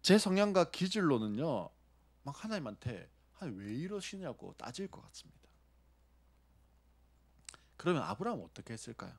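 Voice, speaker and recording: Husky lively male preacher. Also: a little high, moderate pace, pauses often. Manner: lively preaching, acting out God's voice and asking the congregation questions. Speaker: pastor. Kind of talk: sermon.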